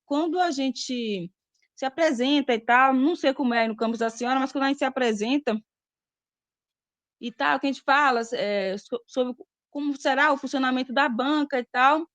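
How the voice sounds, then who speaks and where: A woman's voice: sits high, normal speed, fairly bright tone, no room sound. A woman student from Brazil speaking up in an online class discussion, talking conversationally with frequent tag questions. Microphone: video call.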